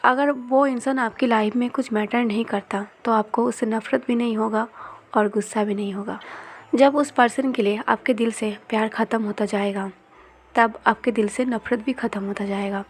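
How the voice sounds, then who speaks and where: A woman voicing a calm married young man who explains and soothes. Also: fairly high pitch, moderate pace, a little hiss or hum, close to an everyday voice.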